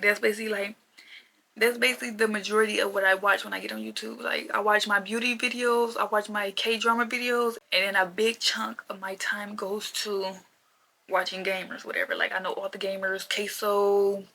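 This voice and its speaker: Chatty young woman with gravelly fry. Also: medium pitch, pushed and bright, rough recording. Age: 20s. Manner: chatty, repetitive, lots of "like" fillers. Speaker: vlogger. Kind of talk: casual rambling rant to camera.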